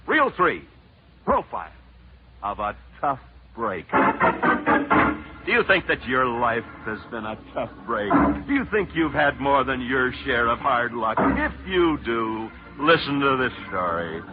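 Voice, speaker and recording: A man as a sports broadcaster, telling stories in dramatic 1940s radio newsreel narration with theatrical pitch swings. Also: big pitch swings, unhurried. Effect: old radio newsreel broadcast. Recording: muffled old radio recording with loud music.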